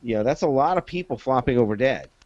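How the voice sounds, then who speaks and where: A man's voice: mid-range voice, animated, quick pace, a little mellow, dry recording, dull audio. A man in casual chat, talking at length with many fillers and laying out his reasoning step by step. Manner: rambling, many fillers, lays out arguments step by step.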